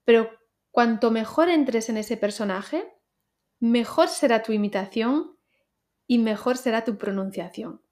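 Clear-voiced Spanish teacher woman. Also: on the high side, darkish tone. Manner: clear, deliberate teaching delivery, addresses listener directly. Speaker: Spanish pronunciation teacher, podcast host. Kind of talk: podcast lesson for learners.

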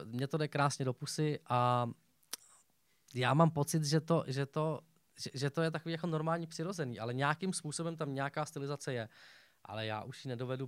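Man, young adult, talk show guest, rambling, filler-heavy, mid pitch, dry. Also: smooth, no room sound. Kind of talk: casual chat.

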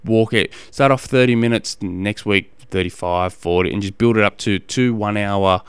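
A man with an Australian accent giving casual coaching advice as a podcast host, halting and often repeating phrases as he explains. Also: on the low side, smooth, dry recording.

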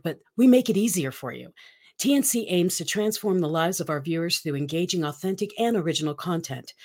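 A woman in her fifties hosting a talk show, upbeat and laughing often as she chats. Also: fairly low pitch. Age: 50s. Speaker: host. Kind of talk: casual talk show chat.

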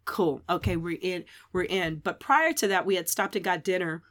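A woman co-hosts a live faith podcast in casual chat, with a bright, forceful voice. She tells stories with animated energy and breaks into big laughs. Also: lowish voice, moderate pace. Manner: animated storyteller, bursts into loud laughter. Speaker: podcast co-host. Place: live-streamed podcast session.

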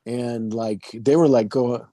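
A man's voice: medium pitch, steady tone, takes it slowly, dark tone, no echo, studio quality. A middle-aged man co-hosting a podcast, talking in a loose, profane, rambling way. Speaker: podcast co-host. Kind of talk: casual chat.

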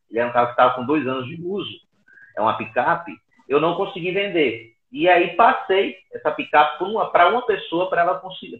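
A man speaks over an internet call, his voice thin and boxy like a phone line, with a hollow echo around it. He is an interview guest telling his story casually, halting and often repeating words at a middling pitch. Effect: heard over an internet call line. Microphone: remote call device. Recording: tinny echoey call audio.

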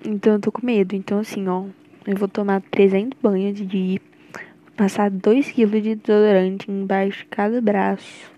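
Nervous young Brazilian woman, mellow voice. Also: mid-range voice, flat delivery, normal speed, lo-fi sound. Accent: Brazilian Portuguese. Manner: rambling, nervous, affectionate. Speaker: girlfriend recording a voice message. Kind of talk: intimate personal voice message.

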